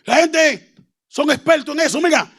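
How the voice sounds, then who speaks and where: A male preacher gives a lively, joking teaching sermon in a strikingly high voice. He laughs often at his own stories and breaks into loud shouted bursts to drive his points home. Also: normal speed.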